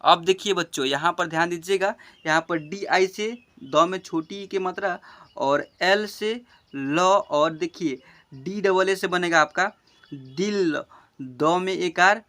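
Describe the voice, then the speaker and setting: A man's voice: high voice, slow pace, sharp tone. A man teaching children to spell, explaining step by step and often checking that they understood.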